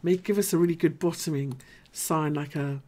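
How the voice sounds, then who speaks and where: Hosting a live market analysis stream, a woman with a deep, low, dark-toned voice speaks at normal speed. She keeps things chatty and informal, thinking aloud as she moves through each point.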